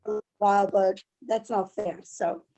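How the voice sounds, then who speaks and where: Mellow woman, friendly on a call. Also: mid-range voice, fairly even intonation, a little slow. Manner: friendly, hesitant. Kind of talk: casual chat. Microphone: video call.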